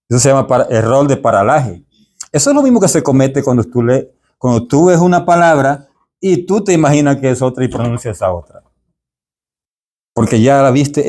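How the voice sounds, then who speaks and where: A middle-aged man with a Caribbean Spanish accent, teaching a workshop for church readers in a chatty way, often asking the group if they agree. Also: a little mellow. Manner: chatty, asks the audience "¿de acuerdo?"; acts out examples with sudden pitch jumps. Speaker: deacon teaching a workshop for lectors. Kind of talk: informal teaching talk.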